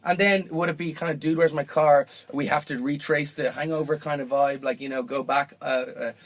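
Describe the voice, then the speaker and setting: A man's voice: steady tone, moderate pace. A man hosting a casual comedic podcast, rambling and joking as he drifts between topics. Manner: rambling, jokey, drifts into falsetto bits. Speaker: podcast host.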